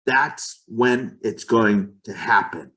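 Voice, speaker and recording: A man's voice: lowish voice, takes it slowly, a bit bright. A man who works as a real estate agent, talking passionately and emphatically in a casual podcast chat and often repeating how he starts a sentence.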